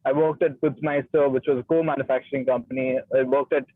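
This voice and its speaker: A man's voice: mid-range voice, little pitch movement, fast talker, dry recording. A man in his late twenties from Gujarat with an educated Indian English accent, talking conversationally about himself in an interview and often tagging statements with "right?". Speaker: guest, startup founder. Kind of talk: conversational personal account in an online interview. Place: online call from a moving car. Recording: thin, muffled radio-like call audio.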